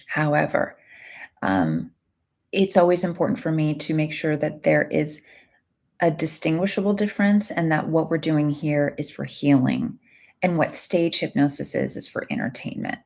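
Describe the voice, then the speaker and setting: Low, gravelly-voiced woman hypnotherapist. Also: darkish tone. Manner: earnest, storytelling, answers viewer comments. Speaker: hypnotherapist hosting a live stream. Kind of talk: casual live-stream chat with viewers.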